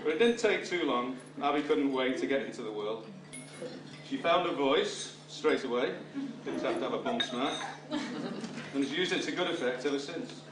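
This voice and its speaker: A man's voice: medium pitch, animated. Middle-aged British man, wedding speech, wry delivery, distant mic, noticeable room noise. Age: middle-aged or older. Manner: dry, wry humour with pauses for laughs. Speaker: father of the bride giving a speech. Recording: roomy, distant microphone, clear background noise. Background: room noise and guests laughing.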